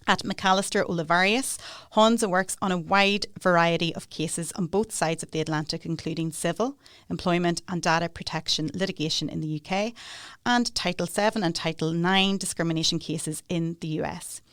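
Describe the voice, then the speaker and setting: A woman's voice: on the low side, steady tone, moderate pace, fairly bright tone, no echo, studio quality. A woman hosting a podcast, reading a guest introduction and then asking questions in a friendly way. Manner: friendly, reads intro smoothly then asks with fillers. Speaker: podcast host.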